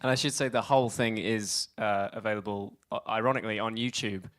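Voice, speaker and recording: A man hosts a live festival talk in a lowish, smooth voice. He speaks in a measured way, sprinkling in hesitant "uh"s as he introduces films. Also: steady tone, fairly bright tone. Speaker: host and director. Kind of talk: live on-stage conversation. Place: stage at a film festival event.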